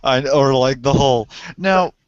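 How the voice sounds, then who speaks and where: A man's voice: medium pitch, measured pace, smooth, no room sound. A man chatting casually as one of the panel on a podcast. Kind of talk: casual chat. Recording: dull lo-fi audio.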